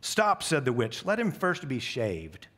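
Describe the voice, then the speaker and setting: A man's voice: medium pitch, huge pitch swings, a little slow, a bit bright, heavily acted. A man voicing a cruel, commanding witch queen who barks out scornful orders while reading a storybook aloud in a sermon. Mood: scornful commands.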